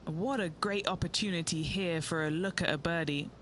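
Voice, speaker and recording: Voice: medium pitch, moderate pace, fairly bright tone, a little hiss or hum, close to an everyday voice. An actor voicing a concise on-course golf reporter in video game commentary. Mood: focused.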